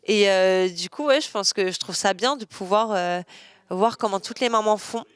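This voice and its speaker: Young woman, interview guest; smooth, clear tone, dry close sound, chatty with many fillers. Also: mid-range voice, normal speed, dry recording. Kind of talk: casual interview answers.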